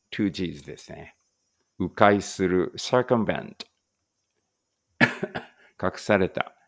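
A man with a low, creaky voice leads a vocabulary read-aloud lesson in English. He reads each word aloud and thinks aloud as he checks it, working through a word list.

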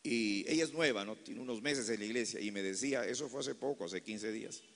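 A man preaching a sermon as a pastor, moving from quiet storytelling to loud, fervent exclamations. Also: on the low side, fairly quick, big-room sound. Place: large church hall.

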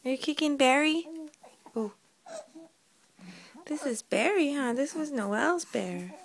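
Young mother, bouncy sing-song baby talk, unhurried, faint hiss behind. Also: high-pitched, expressive, creaky. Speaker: parent filming her baby. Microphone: handheld phone camera.

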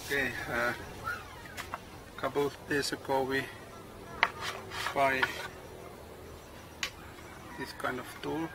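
A middle-aged man, not a native English speaker, vlogging outdoors on a tropical farm. His English is halting, with many pauses and uh's, and the camera is held at arm's length. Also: mid-range voice, little pitch movement, heavy background noise. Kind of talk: casual vlog narration. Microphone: handheld camera selfie and tripod camera.

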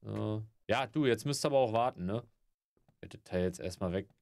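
Man, let's play commentary, grumbly, swears, lowish voice. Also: fairly quick, creaky, darkish tone, a little hiss or hum. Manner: grumbling, swears a lot, mock-polite shop greetings. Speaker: gaming let's player. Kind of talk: casual gameplay commentary.

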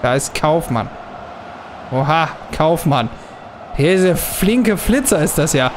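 Excitable young man commenting his football game. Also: a little high, slow pace, background noise. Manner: excitable, swings from muttering to loud outbursts at plays. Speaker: gaming channel host. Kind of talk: casual commentary while playing a football video game.

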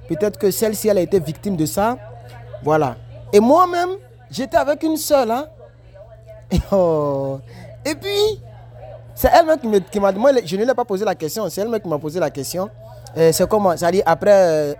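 A man, reacting to comments in a casual, preachy vlog from his work break. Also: high voice. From Ivory Coast. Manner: animated, repetitive, preachy.

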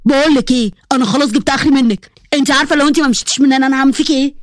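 A woman voicing an exasperated, stern young man in an animated story, with an Egyptian accent. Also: high voice, rapid-fire, no echo, clean studio sound, close to an everyday voice. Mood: irritated. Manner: irritated, stern.

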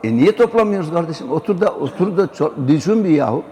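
A man's voice: on the high side, lively intonation, quick pace, warm tone. Older man preaching in an echoing hall. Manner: exhortative, repeatedly addressing listeners as brother. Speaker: Islamic scholar giving a religious talk. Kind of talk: religious sermon-style talk. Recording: long hall reverb, faint background noise.

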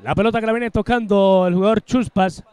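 A man giving live match commentary as play-by-play announcer, in excited breakneck goal-commentary style with drawn-out shouts. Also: high voice, a little hiss or hum.

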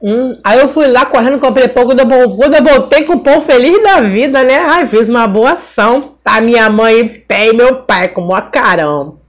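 A middle-aged Brazilian woman telling a personal story in a casual, animated way while eating on camera. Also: fairly high pitch, normal speed, few pauses. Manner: animated, acts out voices of people in her story. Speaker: mukbang vlogger.

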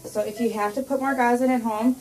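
A woman's voice: on the high side, steady tone, a little fast, darkish tone, low-quality recording. A woman working as a dental assistant, giving casual aftercare instructions in a reassuring, plain-spoken way. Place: small clinic recovery room. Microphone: patient's phone, a little away from her.

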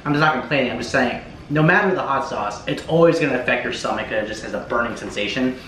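A man's voice: medium pitch, fast talker, fairly bright tone, slight background noise. A young American man chatting casually to camera as host of a challenge video, slangy and prone to swearing. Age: young adult. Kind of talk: casual vlog chat to camera. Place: home kitchen, indoors. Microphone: camera mic a few feet away. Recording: echoey kitchen, faint music behind.

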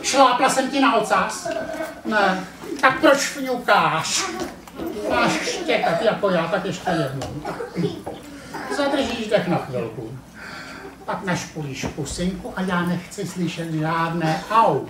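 A man's voice: high-pitched, animated, a crowd in the background. A man voicing a conceited, bossy female farm cat in a live puppet show. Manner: bossy, know-it-all, teasing. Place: family centre playroom, live puppet show. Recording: echoey room from far off, audience.

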